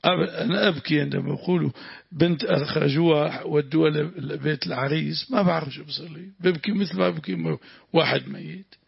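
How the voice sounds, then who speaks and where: A sheikh with a Damascene accent teaches a lesson, telling stories and breaking into pious phrases. His voice is gravelly and raspy, a bit high for a man. The recording is dull, lo-fi and dry. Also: quick pace, no room sound. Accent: Damascene Arabic. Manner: storytelling, exclaiming pious phrases. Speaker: sheikh teaching Quran commentary. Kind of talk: lesson with anecdotes.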